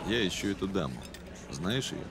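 An actor voicing a tough street mercenary in a video game, asking curt, blunt questions. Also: male voice, sits low, expressive, moderate pace, vocal fry. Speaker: player character in a video game. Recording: game music under the voice.

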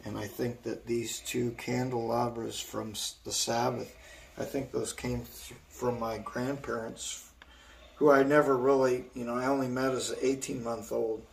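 A man's voice: medium pitch, flat delivery, measured pace, gravelly. A man in his sixties, an artist showing his studio, telling stories in a rambling way full of fillers. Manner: rambling storyteller, many fillers. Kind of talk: casual guided tour. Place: indoor art studio. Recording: echoey room, distant mic, faint hiss.

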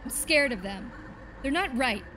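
A woman's voice: sits high, animated, unhurried, noisy background. A woman playing a brash, sarcastic young detective in a comedic short film. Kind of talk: comedic student film acting.

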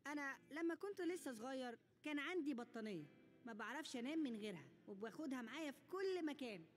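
A woman's voice: high voice, fast. A woman voicing an eager, boastful yet sensitive boy comedian in an Egyptian Arabic cartoon dub, speaking earnestly. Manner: excitable, earnest. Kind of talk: animated cartoon dub acting. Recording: music behind the voice.

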